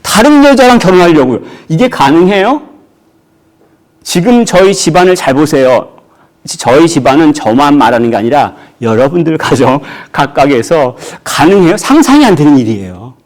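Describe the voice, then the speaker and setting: A man's voice: on the high side, very animated, a little fast. Male pastor preaching with rising outbursts. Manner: rhetorical questions, voice jumping up when acting out quotes. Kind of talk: sermon. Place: church.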